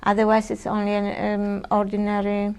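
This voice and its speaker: A woman in her sixties from Poland is interviewed for an oral history on a 1980s audio cassette. Her voice is gravelly, medium-pitched, a little mellow, and monotone. Her testimony comes haltingly, as she searches for words through many ums and restarts.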